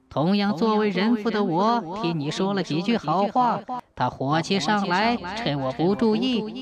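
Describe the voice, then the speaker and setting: A woman's voice: mid-range voice, close to an everyday voice. A woman doing a bitter drowned ghost woman.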